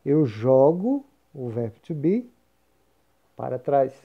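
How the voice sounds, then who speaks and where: Man, English teacher, slow patient lesson, raspy gravelly voice, dull lo-fi sound. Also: medium pitch, big pitch swings. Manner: slow, patient explaining with repeated example phrases. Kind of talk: recorded grammar lesson. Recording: dull lo-fi recording.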